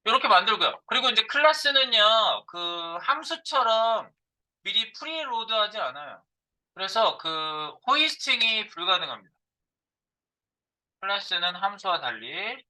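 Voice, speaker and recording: A man's voice: high-pitched, pushed and bright, low-quality recording. A middle-aged man giving a live coding lecture as a programming instructor. He thinks aloud while he types, asking and answering his own questions.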